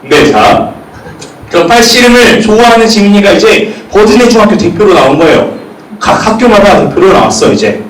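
A man's voice: high-pitched, normal speed. A man, a youth pastor, giving a chatty sermon to teenagers and often asking them questions. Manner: lively, chatty, asks the room questions. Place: church room. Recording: echoey room, mic at a distance, faint noise.

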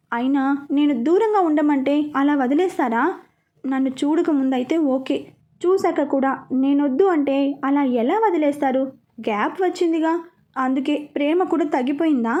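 A woman's voice: high-pitched, moderate pace, mellow, muffled recording, natural voice. A woman voicing a shy, flustered young lover. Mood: wistful. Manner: flustered, pouting.

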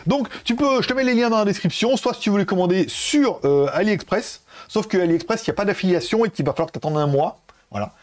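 A tech reviewer with a high, animated voice talks fast through a casual product review, rambling and correcting himself mid-sentence. He's recorded on a wireless lapel mic.

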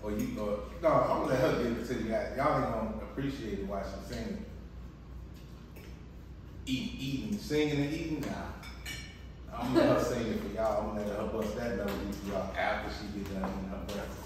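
A husband who co-hosts a family vlog speaks a little fast in a fairly low pitch, playfully bantering at the breakfast table in casual talk to camera and restarting often. Roomy echo, a far-off mic and faint noise mark the recording.

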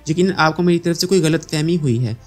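A man's voice: on the high side, brisk, faint music behind, close to an everyday voice. A man voicing an innocent, feverish young maidservant who pleads naively in a storybook reading. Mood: pleading.

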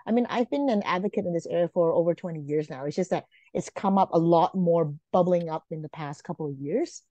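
A woman in her forties from Malaysia speaks earnestly as a guest on a video call from a room at home, in a casual interview full of fillers and restarts. Her voice is on the low side and warm, a little fast, with no echo. The webcam audio comes through dull and lo-fi.

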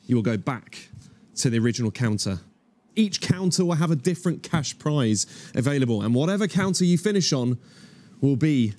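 A man's voice: medium pitch, darkish tone. A British man in his thirties presenting a game show, announcing rounds and prizes with a projected delivery. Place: studio stage with music behind.

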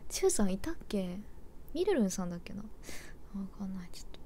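A woman's voice: medium pitch, big pitch swings, fast talker, dark tone, a little hiss or hum. A young woman idol chatting casually on a livestream, rambling and giggly and correcting herself as she goes.

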